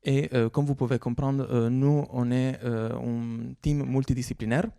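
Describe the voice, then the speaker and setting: A man's voice: medium pitch, steady tone, measured pace, vocal fry, mellow, clean tone, dry recording, clean studio sound. A man with an Italian accent giving a conference talk as a researcher, hesitant with many fillers. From Italy. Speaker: researcher presenting. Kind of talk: conference presentation.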